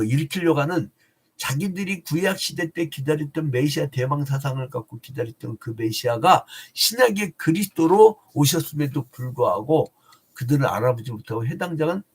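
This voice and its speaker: A man's voice: a little high, breathy edge. A male pastor preaching a dawn prayer sermon in a chatty way, often asking the congregation rhetorical questions.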